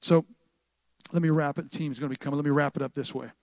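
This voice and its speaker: A middle-aged man preaching a sermon to a live congregation in an animated, conversational way, often restarting his sentences and swinging between loud and soft. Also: fairly high pitch, fast talker, dry recording. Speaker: pastor. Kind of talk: sermon with church announcements. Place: church service with a live congregation.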